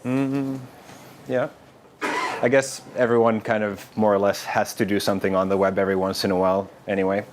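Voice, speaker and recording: At a meetup in front of a live audience, a man from Finland gives a casual developer presentation, informal and loose, full of fillers and restarts. His voice is on the low side and level in tone, moving fairly quickly over background noise.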